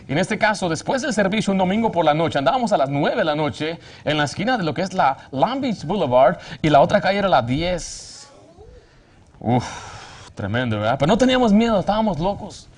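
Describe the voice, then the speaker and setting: A man preaching a sermon fervently, asking rhetorical questions and often restarting his phrases. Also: high voice. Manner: frequent restarts and self-corrections.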